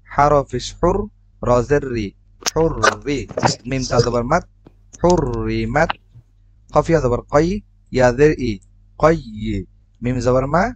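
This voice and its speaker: A man teaching Quran reading, spelling out letters and vowel marks one by one and then blending the syllables slowly. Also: medium pitch. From Bangladesh. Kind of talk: step-by-step recitation lesson.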